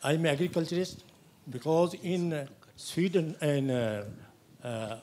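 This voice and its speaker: A man asking a question from the audience, halting and searching for words. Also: fairly high pitch, lively intonation, a little mellow. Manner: halting, many fillers. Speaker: audience member, agriculturist.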